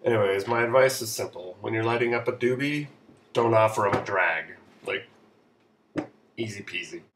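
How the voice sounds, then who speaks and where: A man's voice: fairly low pitch, moderate pace, fairly bright tone, distant mic. A man giving sarcastic, mock-authoritative parenting advice in a comedy vlog. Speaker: comedy vlogger. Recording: roomy echo, off-mic, faint noise.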